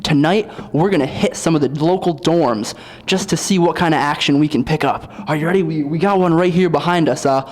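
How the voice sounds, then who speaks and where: A stammering, clueless young campus reporter, as a man acts him out, delivering stiff news-anchor lines in a comedy sketch. His voice sits high for a man. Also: a little fast, darkish tone, close to an everyday voice. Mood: earnest.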